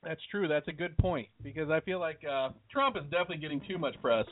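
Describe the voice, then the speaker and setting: A man's voice: on the high side, fast talker, no echo. Man breaking up on a staticky call. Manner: blunt and profane, wry. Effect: voice breaking up over a glitchy, staticky Skype call. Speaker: co-host of an internet radio show. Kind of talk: casual banter. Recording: tinny, dry internet call line breaking up.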